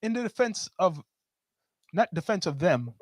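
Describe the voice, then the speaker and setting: A man's voice: high-pitched, very animated, moderate pace, no echo. A man with a Toronto slang accent in a casual discussion, explaining his points step by step and often checking in with "right?". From Toronto, Canada.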